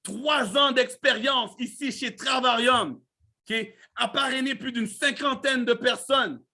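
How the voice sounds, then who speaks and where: Male live-training host, mixed in, high bright voice, casual motivational delivery. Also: a little slow. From Canada. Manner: animated, repeats himself, mixes in English words.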